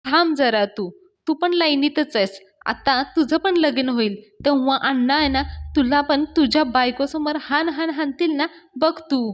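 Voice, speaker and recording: A woman's voice: high-pitched, normal speed, dull audio, voice pushed up, natural voice. A woman acting out a young man shrugging off his injury. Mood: teasing threat. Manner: reassuring, protesting.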